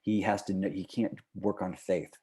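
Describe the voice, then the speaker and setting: A man's voice: low voice, flat delivery, normal speed, warm tone. A man lecturing on screenwriting, explaining with fillers and frequent "right?".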